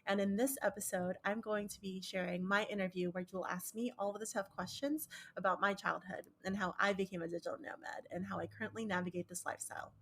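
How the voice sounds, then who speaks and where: A woman's voice: mid-range voice, steady tone, fast, few pauses, a bit bright, slight background noise. Upbeat woman hosting a podcast. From Philippines. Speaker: podcast host. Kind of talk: scripted podcast intro.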